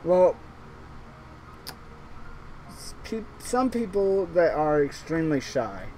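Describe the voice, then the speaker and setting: A man's voice: a little high, big pitch swings, slow, dark tone, slight background noise. A man streaming a visual novel, chatting casually in a rambling way with frequent restarts and laughter. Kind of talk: casual let's-play chat.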